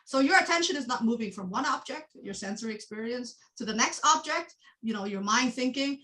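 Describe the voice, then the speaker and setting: A woman's voice: a little high, brisk, low-quality recording. A woman teaching a meditation class, explaining with frequent laughs and many restarts. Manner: animated, laughs often, repeats and restarts.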